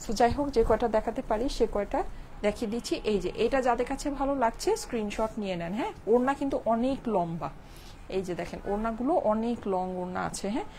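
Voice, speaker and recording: Bangladeshi woman doing a live clothes sale, kinda hoarse, higher voice, faint room noise behind. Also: quick pace, mellow. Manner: chatty, keeps checking in with viewers. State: slightly hoarse from a cold. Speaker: clothing shop seller on a live stream. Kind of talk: live selling chat to viewers. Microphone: phone with clip-on mic.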